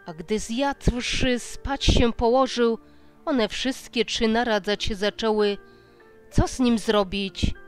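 Lady reading an old folk tale aloud, really slow and smooth, faint music under it. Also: fairly high pitch. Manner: slow, even storytelling. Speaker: audiobook reader. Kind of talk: scripted storybook narration.

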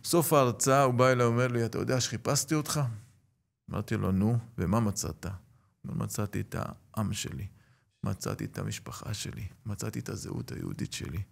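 A man's voice: on the low side, gravelly. A middle-aged man, a rabbi and lecturer, telling stories in an interview and acting out the people in them. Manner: animated storyteller, acts out quoted voices. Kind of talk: storytelling in an interview.

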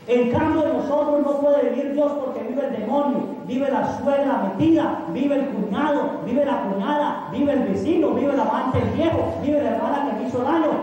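A middle-aged priest delivers a sermon in a striking high voice with a soft, mellow tone, putting questions to his congregation and answering them himself. He was recorded from a distance in a large hall, so his words ring with long reverb. A faint noise sits underneath. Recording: echoey hall recorded from far off.

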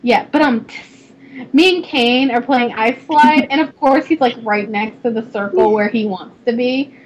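A young woman with a Southern accent, chatting and giggling in a rambling, excitable way while live-streaming a game. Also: fairly high pitch, a little slow. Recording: slightly dull, faint noise.

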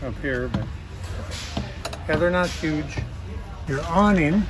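A man's voice: fairly high pitch, animated, slow pace. A middle-aged man casually walking through a new camper van's features step by step, recorded on a phone in a big factory bay. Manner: plainspoken, explains step by step. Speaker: factory walkthrough guide. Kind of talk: casual demonstration. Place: large indoor factory bay.

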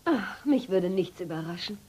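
A woman's voice: lowish voice, expressive, normal speed, darkish tone, breathy edge. An actress dubbing a scheming, sarcastic woman with expensive tastes in a soap opera. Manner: coy, mocking. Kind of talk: German-dubbed soap opera acting.

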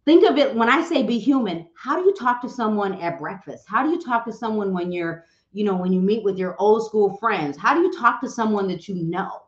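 Direct, animated woman speaker in a roomy space. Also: medium pitch, fairly quick, few pauses. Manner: animated, direct, teasing, acts out quoted voices. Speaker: real estate broker giving social media advice. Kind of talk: motivational talk to an audience. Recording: roomy, slightly dull sound.

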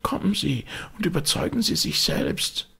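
A man reading aloud, voicing a frightened old male servant who speaks in a trembling, hoarse voice. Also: fairly high pitch, huge pitch swings, unhurried, pushed and bright, voice pushed up, heavily acted. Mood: fearful, trembling.

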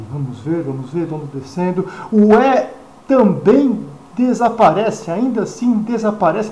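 A Brazilian man with a fairly high voice teaches English pronunciation in a chatty way, often asking his listeners questions. He repeats each example word. The sound is echoey, as if recorded in a bare room. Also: warm tone, a little hiss or hum. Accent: Brazilian Portuguese. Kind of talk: screen-recorded pronunciation lesson.

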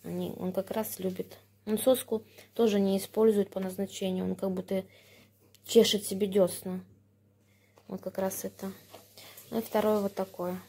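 A woman's voice: medium pitch, little pitch movement, moderate pace, long pauses, dark tone, husky. A young woman talking casually as a vlogger while showing purchases at home on a handheld phone. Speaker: vlogger, mother of a baby. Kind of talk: casual unboxing vlog chat. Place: indoors at home, tiled and wooden floors. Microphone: handheld phone behind the camera.

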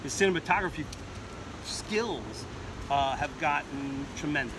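A man's voice: fairly high pitch, unhurried. A middle-aged man, a school principal, chatting outdoors in an interview, with frequent hesitant fillers. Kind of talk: casual interview chat. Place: outdoor parking lot. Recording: outdoor traffic noise. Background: traffic and outdoor ambience.

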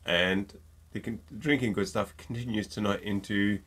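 A fairly low, fairly bright voice with a breathy edge and fairly even intonation comes at a normal speed. It belongs to a middle-aged man with a cold who reviews gin, chatting jokily to camera and peppering his casual tasting talk with ums. He records near a desk mic at home, bottles shelved behind him.

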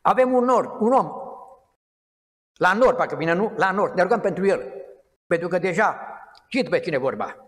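High-voiced man preaching in a reverberant hall. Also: animated, fairly bright tone. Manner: conversational and digressive, with halting restarts. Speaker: lay preacher. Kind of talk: informal sermon.

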